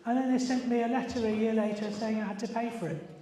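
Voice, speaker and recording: A sixty-year-old man with a British accent, chatting informally as a party quizmaster, halting and rambling as he calls out to guests. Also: high voice, steady tone, mellow. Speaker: birthday party quizmaster and host. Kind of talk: informal party quiz chat to a group. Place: echoey room at a live party. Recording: very echoey room, distant microphone.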